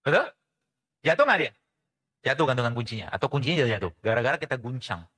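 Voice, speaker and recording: A man preaching a lively sermon to a congregation, often asking questions and answering them himself, sometimes slipping in English phrases. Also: medium pitch, fast talker. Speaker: preacher and physician giving a religious health talk.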